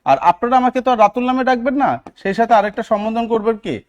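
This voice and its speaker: A man's voice: extremely high pitch, racing, highs cut off. A man teaching English grammar in a live online class, often asking his students questions and repeating key words. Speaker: English teacher for job exams.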